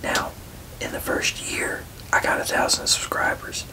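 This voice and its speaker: A person whispering a casual ASMR ramble, halting and frank, with folksy turns of phrase. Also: pushed and bright, far from the mic, low-quality recording. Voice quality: unvoiced, breathy whisper with creaky edges. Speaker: ASMR video creator.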